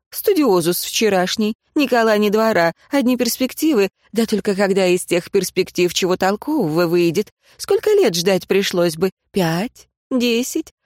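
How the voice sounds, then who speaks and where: A woman's voice: medium pitch, darkish tone, no room sound. Lady reading a shrewd old village auntie, folksy homey talk, dry close sound. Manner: folksy speech with homely diminutives. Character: homely folksy older village woman, shrewd.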